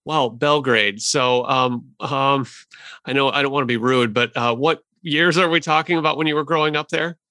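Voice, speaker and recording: A man's voice: mid-range voice, normal speed, pushed and bright, no echo. A man hosting a podcast, reading a scripted intro and then interviewing a guest with frequent fillers and restarts. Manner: hesitant with fillers and restarts in conversation. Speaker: podcast host.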